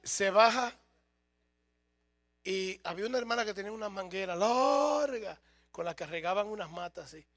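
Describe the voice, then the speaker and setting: High-voiced gravelly male preacher. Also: moderate pace, long pauses, a bit bright. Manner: humorous, speaks directly to the congregation. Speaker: pastor. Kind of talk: sermon.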